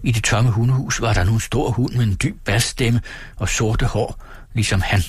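A man who hosts a late-night radio show, reading a classic novel aloud in a calm, measured way from a radio studio. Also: fairly low pitch, breathy edge, no room sound. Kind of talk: read-aloud literary narration.

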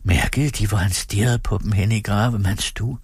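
A man's voice: lowish voice, fairly even intonation, breathy edge, no echo, studio quality. A man voicing a sly, fiery young island woman who talks in a confiding half-whisper.

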